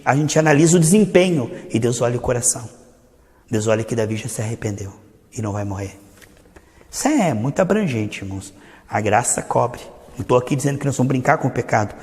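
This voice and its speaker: A man with a Brazilian Portuguese accent preaching a sermon, telling stories and acting out the dialogue with lively energy. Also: mid-range voice, fast. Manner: animated storytelling, acting out dialogue. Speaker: pastor. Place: church hall. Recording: long hall reverb.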